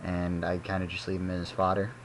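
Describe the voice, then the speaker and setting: Young man, deep voice, chatty rambling game commentary over a faint background hiss. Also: completely flat delivery, quick pace, low-quality recording. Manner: rambling, self-correcting, chatty. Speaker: gaming commentator.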